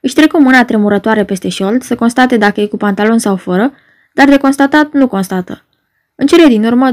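A woman reads a novel aloud in a measured, wry storytelling manner. Her voice sits a little high for a woman. The delivery is steady literary narration. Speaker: audiobook narrator.

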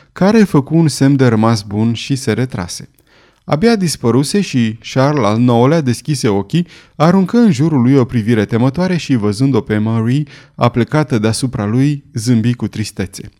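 Brief: male audiobook narrator, mellow dark tone, measured and expressive. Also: mid-range voice.

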